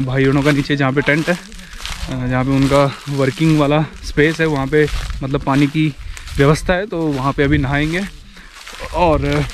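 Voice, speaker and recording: A man's voice: fairly high pitch, a little hiss or hum. A young man in his twenties vlogging from a forest campsite, talking casually with lots of fillers as he shows viewers around. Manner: chatty, filler-heavy, guiding viewers around. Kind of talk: casual travel vlog. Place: outdoors in a pine forest campsite. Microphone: action camera held at arm's length.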